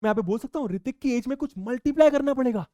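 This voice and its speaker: High-voiced man teaching maths. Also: rapid-fire, no echo. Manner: lively, repeats points and asks the class questions. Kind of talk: online maths lesson.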